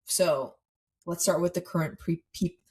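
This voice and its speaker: A young woman co-hosting a casual podcast, chatting and quoting clips in lively voices. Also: fairly low pitch, unhurried, husky. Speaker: podcast co-host. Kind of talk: casual chat.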